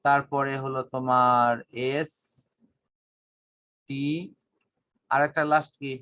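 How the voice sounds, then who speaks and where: Male physics tutor, middle-aged, mid-pitched, halting and methodical whiteboard delivery. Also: level tone, sharp tone, clean tone. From Bangladesh. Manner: measured, halting delivery with long pauses, mixing in English terms. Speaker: physics teacher. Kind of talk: online whiteboard lesson.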